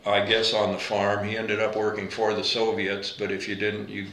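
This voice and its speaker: A man in his eighties, born in Latvia, recalling his life in an oral history interview, unhurried and halting with fillers and self-corrections. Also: lowish voice, completely flat delivery, fairly bright tone, reverberant, slight background noise, poor audio. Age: 80s. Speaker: veteran interviewee.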